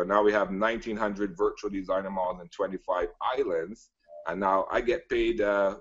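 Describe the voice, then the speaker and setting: Barbados-raised man in an upbeat sales pitch. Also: husky. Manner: repeats phrases, emphatic, many fillers. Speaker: guest business presenter. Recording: dull lo-fi audio.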